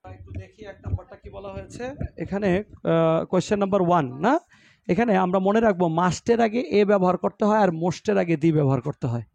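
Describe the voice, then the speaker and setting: Bangladeshi guy teaching english grammar, high voice with some rasp, keeps asking the class stuff. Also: fairly quick, darkish tone, highs cut off. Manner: explains in Bengali, mixing in English words and example sentences; asks the class questions and repeats answers.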